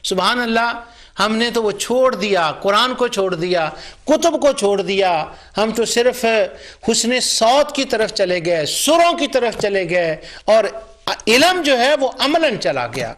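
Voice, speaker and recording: A man's voice: high voice, very animated, fairly bright tone. A middle-aged Islamic scholar giving a religious lecture, telling anecdotes and stressing his points through repetition. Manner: storytelling, acts out remembered dialogue. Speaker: Islamic scholar and Quran reciter.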